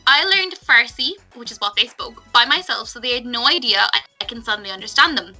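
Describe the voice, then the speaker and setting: Bright high-voiced blunt woman. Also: lively intonation, brisk, faint music behind. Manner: blunt, swears casually. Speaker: co-host reading stories. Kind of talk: casual chat, reading aloud.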